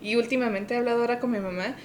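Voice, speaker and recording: A woman co-hosting a podcast, telling a personal story and switching between English and Spanish mid-sentence. She rises high and loud when quoting her parents. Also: fairly even intonation, rapid-fire, a little hiss or hum. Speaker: podcast co-host.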